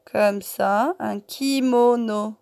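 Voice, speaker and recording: Woman teacher, high-ish voice, very slow and patient, repeats syllables for young kids. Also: steady tone, gravelly, darkish tone. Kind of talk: slow, patient workbook lesson for young children.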